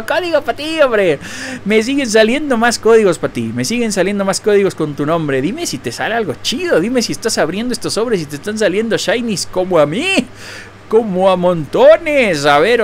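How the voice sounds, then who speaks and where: A man hosting a card-opening video, excitedly naming each card and repeating himself. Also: high-pitched, a little hiss or hum. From Mexico. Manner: excitable, exclaims and laughs at rare pulls, repeats phrases. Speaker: card-opening channel host. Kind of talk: excited unboxing commentary.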